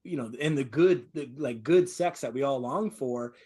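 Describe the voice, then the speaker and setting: A man's voice: medium pitch, moderate pace, dark tone, breathy edge. Earnest man with a mid-range voice. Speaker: discussion panelist. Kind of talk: conversational, explanatory discussion.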